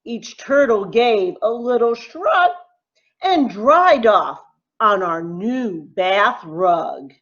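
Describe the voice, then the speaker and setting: A teacher reads a rhyming storybook aloud to children, speaking very slowly with an animated, sing-song delivery. Her voice is medium-pitched and her manner deliberate, and the sound quality is lo-fi.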